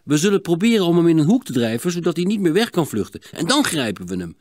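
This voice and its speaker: An eager young boy, as a man reading aloud puts him on, talks fast and high with a lot of swing in his pitch. The dry, close audiobook sound keeps every word close to the ear. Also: sing-song, darkish tone, dry recording. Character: eager young boy, twin, keen and excited.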